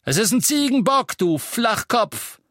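A man voicing a gruff, defiant old male innkeeper wizard who bellows scornfully at his enemies. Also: mid-range voice, expressive, slow, no room sound, studio quality. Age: older.

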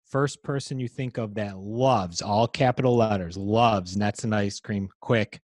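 A man's voice: fairly low pitch, moderate pace, darkish tone, dry recording. A man co-hosting a podcast, teasing his friend in casual chat. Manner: teasing, playful. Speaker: podcast co-host.

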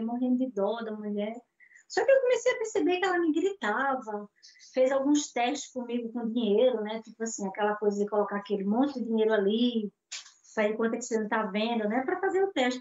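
A Brazilian woman telling a personal story in an interview over a video call, with a Brazilian Portuguese accent. She acts out the dialogue as she speaks. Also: a little high. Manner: animated storyteller acting out dialogue. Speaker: guest. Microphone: video call mic. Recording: dull lo-fi call audio.

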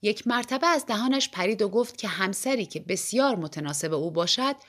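A woman narrating a short story as an audiobook reader, in a lively, animated first-person telling. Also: medium pitch.

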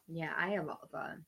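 Her voice sits low and gravelly, with slight background noise. She's a woman in her thirties hosting a relaxed livecast chat despite being sick and losing her voice, rambling, laughing, and at times whispering.

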